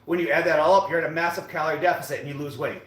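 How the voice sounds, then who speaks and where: An American fitness live streamer in his late thirties chats casually with viewers while working out in an indoor gym. He talks rapid-fire in a motivational, repetitive way, his voice fairly high and fairly bright. The room sounds echoey.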